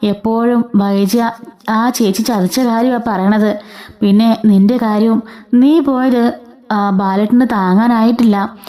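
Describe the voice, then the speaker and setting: A woman voicing a worried older male family friend who explains things calmly. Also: a little high, close to an everyday voice.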